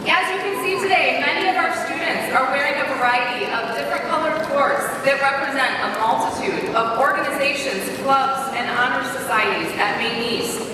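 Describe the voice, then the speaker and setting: A woman presenting a school graduation ceremony, giving formal, measured announcements from a podium. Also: high-pitched. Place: large hall at a graduation ceremony. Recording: echoey hall from far off, loud crowd and noise.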